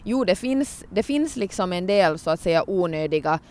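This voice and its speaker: A podcast host with a voice of ordinary pitch asks a guest questions in an engaged way. The host reads passages aloud carefully and then turns them into follow-up questions. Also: animated, darkish tone. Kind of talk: podcast interview with read-out quotes.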